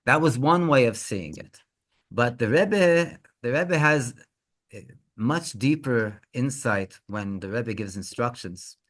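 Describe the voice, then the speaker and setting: A male rabbi telling a story in an animated, halting way, often repeating words. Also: mid-range voice. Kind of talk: storytelling talk.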